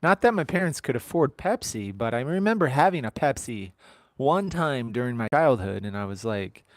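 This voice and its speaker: A man's voice: medium pitch, animated, normal speed, no room sound, clean studio sound. Rambling, joking man in his thirties. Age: 30s. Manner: rambling, joking asides to viewers. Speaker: livestream host. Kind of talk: casual live-stream chat.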